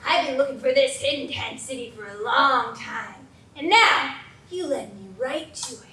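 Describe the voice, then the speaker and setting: A woman's voice: high voice, normal speed, bright, forceful tone. A woman playing a sneering undead male federal agent, taunting and gleeful, in a stage show recorded in a theater. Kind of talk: community stage opera acting. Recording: roomy stage sound from far off.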